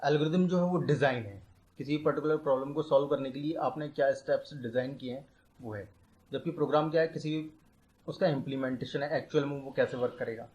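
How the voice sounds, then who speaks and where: A young man, a tutor, teaching computer science step by step, mixing English terms into his talk and slowing down to dictate definitions. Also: mid-range voice, darkish tone, poor audio. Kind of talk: explaining a lecture.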